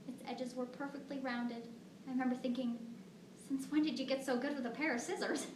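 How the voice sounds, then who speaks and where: A woman's voice: a little high, close to an everyday voice. Woman acting a devoted young mother, roomy distant recording. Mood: amused, fond. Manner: conversational storytelling, rhetorical asides to listeners. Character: devoted young mother fondly recalling her daughter. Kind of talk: dramatic monologue performed at a competition. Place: echoing room, recorded from a distance. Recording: roomy, distant mic with faint noise.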